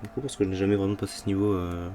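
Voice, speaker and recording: A man's voice: low voice, level tone, rapid-fire, warm tone, a little hiss or hum. A man giving casual, rambling, jokey commentary as he plays through a video game. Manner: rambling, jokey, mild swearing. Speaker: gaming video host. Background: game music.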